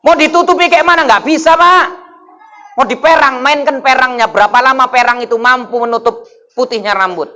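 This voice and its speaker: A man's voice: extremely high pitch, a little fast, pushed and bright. A man, preaching a humorous sermon in a mosque and often calling out to the crowd for replies. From North Sumatra, Indonesia. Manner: jokey, keeps asking the crowd for replies.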